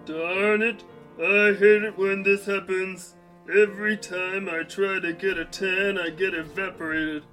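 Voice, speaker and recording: A man's voice: high voice, flat delivery, unhurried, pushed and bright, rough recording. A man voicing a dim, cheerful shapeshifting blob superhero in a comic audio drama, earnest and dopey. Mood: chatty. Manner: earnest, dopey, heroic declarations. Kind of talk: comedic audio drama acting. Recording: music bed underneath.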